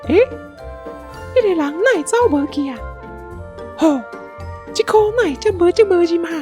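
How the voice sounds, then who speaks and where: A man's voice: extremely high pitch, moderate pace, a little mellow, faint music behind, voice pushed up. A man voicing a spoiled, melodramatic young princess with a Taiwanese accent in a cartoonish radio drama, whining about her comforts. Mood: petulant. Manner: whiny, melodramatic.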